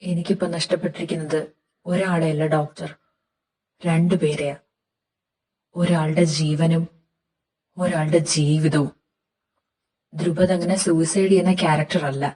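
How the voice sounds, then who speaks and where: A woman's voice: warm tone, far from the mic, close to an everyday voice. A woman voicing a grieving, vengeful young man. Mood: grim. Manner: bitter, low-spoken, vengeful.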